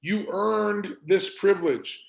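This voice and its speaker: A man coaching an audience on performance in an energetic, emphatic presentation, repeating words for stress. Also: high voice, slow, creaky, echoey room, low-quality recording. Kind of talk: motivational presentation.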